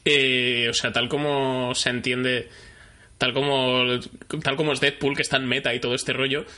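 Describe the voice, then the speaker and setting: Man, podcast co-host, measured talk, bright voice, medium pitch. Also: level tone. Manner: measured, steers the discussion. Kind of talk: casual film chat.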